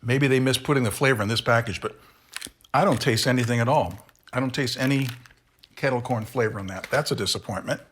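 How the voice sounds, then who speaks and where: A man's voice: mid-range voice, brisk, fairly bright tone, slight background noise. A middle-aged man hosting a casual solo candy review, rambling and correcting himself as he talks and chews. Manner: rambling, self-correcting, talks while chewing. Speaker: candy reviewer, show host.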